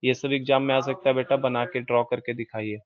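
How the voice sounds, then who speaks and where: A man's voice: mid-range voice, little pitch movement, fairly quick. A male chemistry teacher running a live class. He coaxes students with questions, calls them "beta" and mixes in English terms. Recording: dull lo-fi dry sound.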